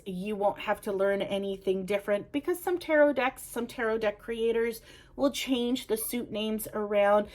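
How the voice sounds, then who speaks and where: A woman reviewing a tarot deck in a casual, chatty way, talking straight to her viewers and correcting herself as she goes. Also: medium pitch. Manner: chatty, self-correcting, talks to viewers directly. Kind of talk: casual review and flip-through.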